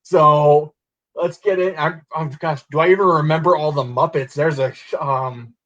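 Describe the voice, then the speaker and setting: A podcast host runs a casual watch-along, rambling and laughing often over a distorted video call on his laptop. The voice is a little high and a bit bright, with a steady tone at a moderate pace, and the sound is lo-fi.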